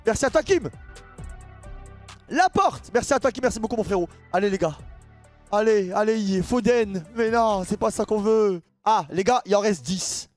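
A man with a French accent commenting on a video game pack opening, excitable and shouting at big pulls. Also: high-pitched, moderate pace, soft background music. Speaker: gaming streamer.

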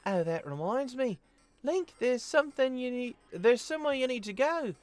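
Brief: helpful Australian-accented scholar woman, as a man puts her on, lively, over faint game music. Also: extremely high pitch, normal speed, smooth, voice pushed up. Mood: chatty. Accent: put-on Australian. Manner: chatty, helpful, explaining directions. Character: friendly female amateur history scholar.

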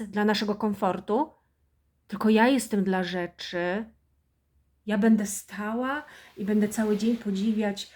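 A woman plays a harsh, self-pitying, house-proud middle-aged mother in a satirical character monologue. She nags and goes shrill when scolding, lightly acted.

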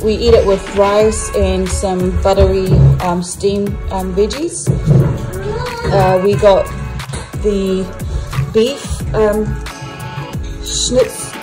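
A woman in her thirties from New Zealand talks through her weekly groceries in a loose, chatty way. She stops often for ums and small restarts. The sound is a phone held at arm's length, with clear music playing underneath. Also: mid-range voice, fairly even intonation, very slow, long pauses. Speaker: family vlogger. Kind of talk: casual grocery haul narration.

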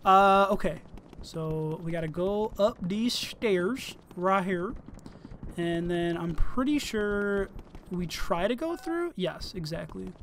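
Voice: medium pitch, lively intonation, slow pace, slight background noise. Laid-back rambling game commentator. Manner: rambling, laid-back, full of fillers and swearing. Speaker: let's-play host. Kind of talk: casual gameplay commentary.

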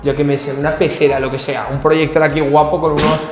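A man in his twenties from Spain talks in a relaxed, slangy way inside an apartment that is still being renovated. The bare rooms give his slightly high voice a noticeable echo, and music plays clearly beneath it. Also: fairly quick. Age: 20s. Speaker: guest. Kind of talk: casual house tour chat.

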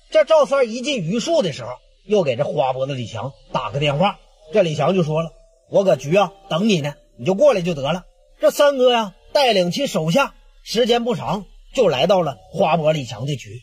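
Male storyteller, Northeastern Chinese accent, chatty and animated, husky edge. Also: sits high, moderate pace. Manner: lively, chatty, dialect-heavy. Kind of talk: oral storytelling of gangland tales.

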